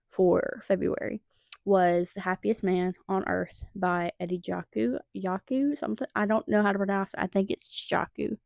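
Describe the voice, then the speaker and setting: Woman, Southern accent, young adult, gravelly fry, chatty book review, excitable. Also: fairly low pitch, no room sound, dull audio. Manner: chatty and excitable, with frequent fillers. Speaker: book vlogger. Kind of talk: casual book review chat.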